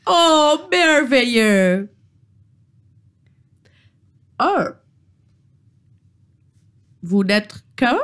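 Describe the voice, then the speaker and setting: A woman's voice: a little high, very animated, very slow, pauses often, a bit bright, clean tone, exaggerated voice. A woman voicing a prim, polite, well-dressed male troll who keeps a bridge in a tabletop game. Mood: fussy. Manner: fussy, formal and courteous.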